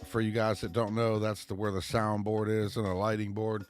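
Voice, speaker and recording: A man co-hosting a casual podcast, a rambling storyteller who laughs often and shouts out the lines he quotes. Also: fairly low pitch, flat delivery, normal speed, soft background music. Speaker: podcast co-host. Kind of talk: casual chat.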